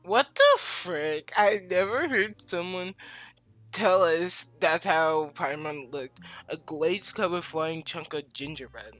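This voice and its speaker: A teenager chats casually while commenting over video game play, speaking slowly in a medium-pitched, slightly bright voice. Faint game music can be heard behind.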